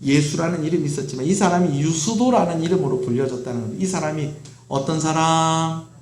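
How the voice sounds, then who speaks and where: A man's voice: on the high side, a little fast, a little mellow. A middle-aged man preaching a sermon as pastor, asking the congregation questions and answering them himself. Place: church sanctuary. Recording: roomy church echo.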